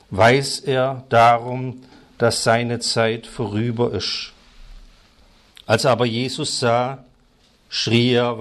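A man preaching a sermon, emphatic and repetitive, swinging between loud stressed words and hushed asides. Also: mid-range voice.

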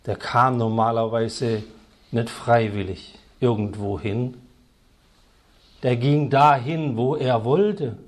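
Slow, emphatic German preacher man. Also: medium pitch. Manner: emphatic, repeats phrases, swings between loud and hushed. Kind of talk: sermon.

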